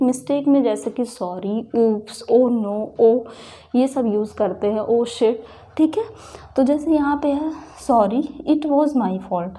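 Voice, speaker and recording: A woman's voice: on the high side, dark tone. A woman with an Indian accent teaching a grammar lesson, explaining each example and asking and answering her own questions.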